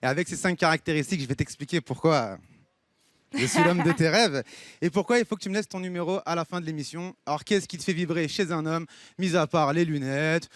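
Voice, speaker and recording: A man's voice: a little high, a little fast, no echo. A male comedian improvising playful banter and rhymes with cocky, teasing delivery. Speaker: comedian performing improvised songs on a show. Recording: music playing behind the voice. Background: loud music.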